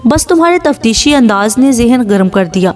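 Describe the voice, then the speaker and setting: A woman's voice: fairly high pitch, expressive, distant mic, faint music behind, close to an everyday voice. A woman voicing a young man who sheepishly apologizes to his friend. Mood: apologetic.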